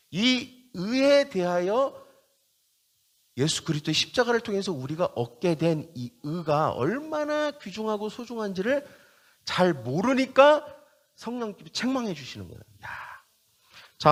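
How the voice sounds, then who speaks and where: A male pastor delivering a sermon in a high, lively voice that swings widely up and down. He hammers key phrases again and again and keeps turning to the congregation with questions.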